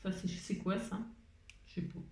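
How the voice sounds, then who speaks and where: A woman with a darkish tone, speaking at a moderate pace, runs a casual crafting tutorial. She tends to ramble and revise herself mid-sentence, chuckling often, and the audio carries a roomy echo with faint background noise.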